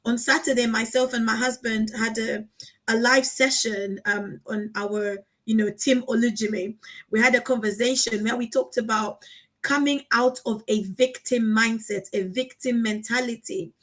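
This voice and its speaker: High-voiced, encouraging woman host. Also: moderate pace, rough recording. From Africa. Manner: animated and encouraging, emphatic repetitions. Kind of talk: casual live conversation.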